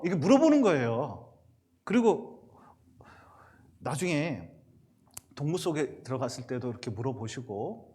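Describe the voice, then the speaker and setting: A male pastor preaching to parents, telling stories with acted-out quotes. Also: mid-range voice. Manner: animated storytelling with acted-out quotes. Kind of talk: sermon to parents.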